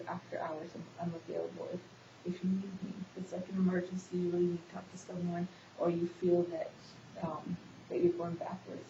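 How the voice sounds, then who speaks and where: Congested woman counselor, hesitant and flat. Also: lowish voice, creaky. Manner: hesitant, many ums and restarts. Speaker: social work student playing the counselor in a role-play. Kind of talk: counseling session role-play. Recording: echoey room, dull hissy recording.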